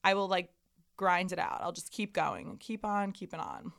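A young woman in her twenties co-hosts a casual podcast chat, talking candidly and self-deprecatingly as she rambles with plenty of fillers. Her voice is lowish and creaky yet fairly bright, at a moderate pace.

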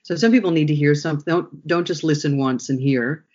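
A man, a workshop trainer, talking through his ideas in a relaxed interview, often restarting his sentences as he thinks. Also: a little high, a little fast, slightly rough, muffled recording. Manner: reflective, thinks aloud with frequent restarts.

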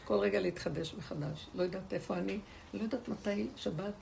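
A woman's voice: medium pitch, gravelly, a little mellow. A woman in casual group conversation, talking animatedly and preachily, often laughing. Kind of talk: casual chat. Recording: noisy crowd around.

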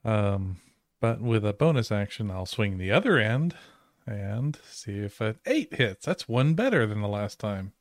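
A man's voice: lowish voice, very animated, unhurried, dry recording, clean studio sound. A man playing a tabletop game, talking casually with many hesitations. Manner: hesitant, lots of ums. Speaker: player.

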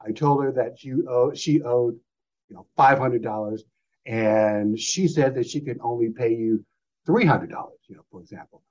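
A man's voice: mid-range voice, normal speed, a little mellow. A middle-aged man telling a personal story as an interview guest, in a loose, rambling way, acting out old phone calls in different voices. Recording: slightly dull lo-fi audio.

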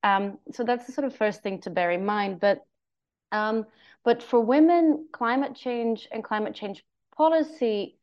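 A woman's voice: on the high side, a little slow, darkish tone, dull audio. A woman researcher answering interview questions on a podcast, explaining carefully with frequent ums and uhs. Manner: careful, explanatory, many um and uh fillers. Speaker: guest researcher.

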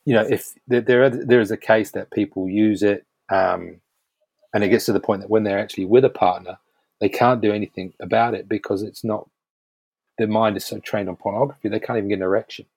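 Kiwi guy chatting on a podcast, lowish voice, dry close sound, blunt and swears a bit. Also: fairly even intonation, fairly quick, a little mellow, slightly rough, no room sound. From New Zealand. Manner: frank, emphatic, swears casually. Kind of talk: casual conversational podcast chat.

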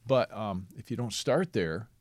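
Very deep-voiced man on a podcast. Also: lively intonation, measured pace, dry recording. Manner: questioning, interjects with short affirmations. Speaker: podcast co-host. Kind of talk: casual conversational podcast discussion.

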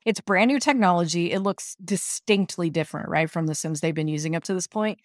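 A woman's voice: on the low side, brisk, dry recording, clean studio sound. A woman from the South, co-hosting a casual TV recap and arguing her points emphatically. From American South. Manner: animated, emphatic, opinionated. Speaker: podcast co-host.

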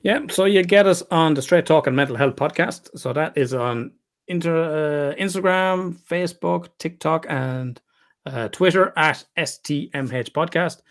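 A man's voice: on the high side, unhurried. A middle-aged man, a therapist guesting on a podcast, telling a story in a chatty way, repeating words and swearing casually.

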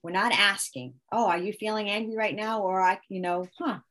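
A woman's voice: medium pitch, steady tone, moderate pace, a bit bright. A woman, a mother, explaining parenting techniques in a casual interview, often acting out example phrases she would say to a child. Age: adult parent. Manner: talks through ideas with many restarts and quoted one-liners. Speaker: parenting expert guest.

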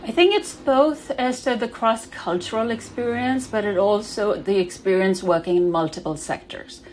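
A woman from Denmark, a podcast guest, explaining her work in a measured, explanatory way. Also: medium pitch, darkish tone, a little hiss or hum. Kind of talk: podcast interview.

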